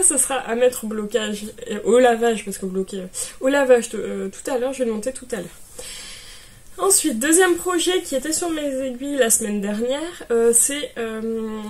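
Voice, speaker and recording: A woman's voice: on the high side, a little mellow. A woman chatting casually in a knitting vlog, talking to viewers with many fillers and restarts. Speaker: knitting vlogger.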